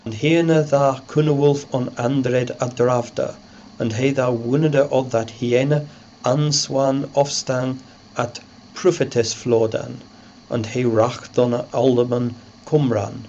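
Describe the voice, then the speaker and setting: A man recites from a script in Old English with a measured, scholarly delivery. His voice sits at a medium pitch. The recording is dull and lo-fi, with clear noise behind him. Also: fairly even intonation. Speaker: reader and narrator. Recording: muffled lo-fi recording with loud background noise.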